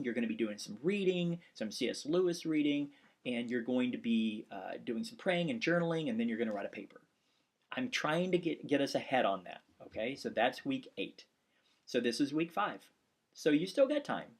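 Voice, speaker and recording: Gravelly husky guy in his 40s, pastor type teacher rambling earnestly through class announcements. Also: medium pitch, animated, moderate pace. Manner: rambling, earnest, with many restarts and fillers. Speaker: instructor and pastor. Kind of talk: casual course announcement video.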